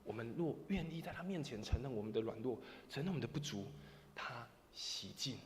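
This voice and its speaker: Animated male pastor in an echoing church. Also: mid-range voice, fairly quick. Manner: animated storytelling, swings from hushed to loud. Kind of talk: sermon. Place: church sanctuary. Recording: reverberant church hall, faint noise.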